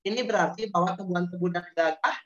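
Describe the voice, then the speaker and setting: Speaking fast in a high-sitting, fairly bright voice, a male teacher from Indonesia leads science class online. He repeats the key terms again and again and constantly asks his students questions, with dull, lo-fi video-call audio.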